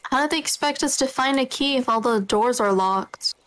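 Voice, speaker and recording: A young woman chatting casually with friends during a game, relaxed and giggly. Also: high-pitched, normal speed. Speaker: gamer. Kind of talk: casual gaming chat.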